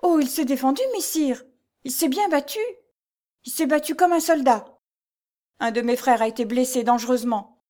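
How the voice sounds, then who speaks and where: A frightened young peasant girl who stammers and begs in a high, soft voice, as a woman reads her. She speaks in a tearful, imploring tone. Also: moderate pace, close to an everyday voice. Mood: tearful pleading. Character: pale, trembling young peasant girl, pleading. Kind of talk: storybook reading.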